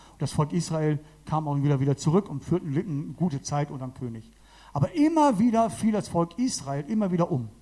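Emphatic German-speaking preacher, mellow voice. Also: male voice, on the high side. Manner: lively, emphatic, repeats phrases. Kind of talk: sermon to a congregation. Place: church hall with about forty people.

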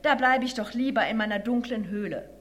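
A heavy, stubborn male mole who grumbles and scoffs at everything outside his burrow, as a woman reading a storybook puts him on. He sounds gruff and a little louder than the storyteller's usual telling, with a voice that sits fairly high. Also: a little fast, lightly acted. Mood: pained.

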